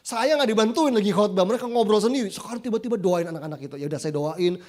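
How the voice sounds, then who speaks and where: Male preacher, high voice, casual anecdotal delivery that slips into voices for quoted people. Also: fast talker. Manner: lively, chatty, acts out quoted voices. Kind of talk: casual storytelling sermon. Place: church.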